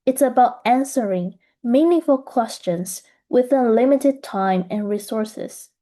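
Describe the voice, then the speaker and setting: A young woman from Taiwan giving a measured, earnest presentation about her graduate studies. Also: a little high, expressive, dark tone. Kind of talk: scripted presentation.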